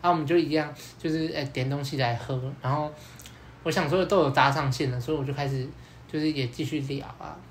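A man's voice: on the high side, brisk, slight background noise. A young man with a Taiwanese Mandarin accent, hosting a podcast and telling a dating story in casual chat with slang and mild swearing. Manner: lively anecdote-telling, acts out quoted lines. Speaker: podcast host.

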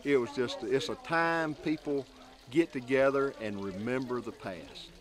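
A man's voice: mid-range voice, measured pace. A middle-aged man with a Mississippi accent, a syrup maker interviewed outdoors on a rural homestead, talking plainly and easygoing with a few "uh"s. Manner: plain, easygoing, with some "uh" fillers.

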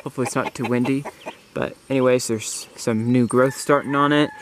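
A young man with a mid-range, steady voice talks a little fast as he vlogs outdoors on his homestead, rambling about his beehives and correcting himself as he goes. It's casual narration among garden bushes and hives, captured on a handheld or close-framed camera mic. Bees and insects buzz throughout the outdoor audio.

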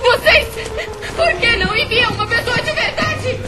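A woman's voice: very high voice, normal speed. A woman voicing a distraught, pleading mother in a dramatic video game, frantic with fear. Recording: echoey, distant, crowd and loud music.

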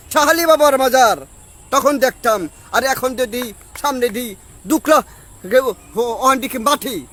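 Very high, sharp-voiced Bangladeshi man, belligerent intoxicated street rambler, faint street noise behind. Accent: Bangladeshi Bengali. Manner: rambling, belligerent intoxicated rant, repeats himself insistently. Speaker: street interviewee. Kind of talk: street interview rant. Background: outdoor traffic and street ambience.

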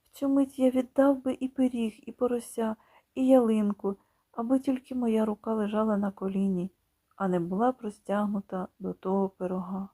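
A woman reading a children's story in slow, expressive scripted narration, sometimes dropping to a whisper. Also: a little high. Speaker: audiobook reader.

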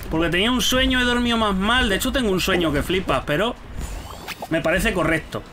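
A man giving casual, animated commentary while he plays a game and teases his friends. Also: sits high, fairly quick, a little hiss or hum. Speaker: gaming YouTuber.

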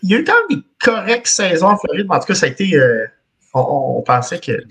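Hosting a casual podcast quiz over a video call, a man in his thirties with a Quebec French accent reads clues in the first person and laughs often, picked up by a webcam mic. His high, fairly bright voice has a breathy edge, swings widely in pitch, and moves quickly.

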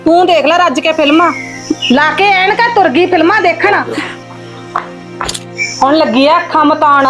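A woman's voice: very high-pitched, normal speed, over music. A woman acting a young sister-in-law who scolds her in-laws sharply, in a village short film. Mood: scolding. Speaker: actor.

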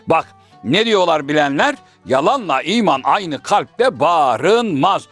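A man's voice: high voice, sing-song, a little fast, fairly bright tone, faint music behind, heavily acted. A man voicing a learned, moralizing male shadow-puppet scholar who lectures and quotes proverbs, in a traditional puppet comedy. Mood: lecturing.

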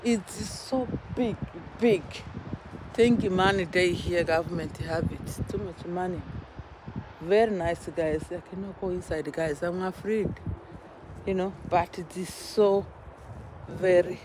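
Slow-talking Burundian woman vlogging outdoors. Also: fairly low pitch. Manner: emphatic, repeats words and phrases. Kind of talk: casual outdoor vlog. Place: outdoors, walking in a forest. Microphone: phone at arm's length. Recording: noisy outdoor phone recording, wind and rustling.

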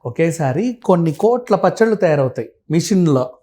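Fairly high-pitched and warm, his Telugu-accented voice is animated and moves at a moderate pace. He keeps things casual, slipping in English words and laying out explanations with lists and examples from daily life.

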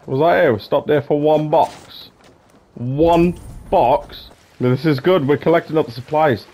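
A young man giving excitable, jokey gameplay commentary, swearing often and slipping into mock-heroic asides. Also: a little high, measured pace. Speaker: gaming YouTuber.

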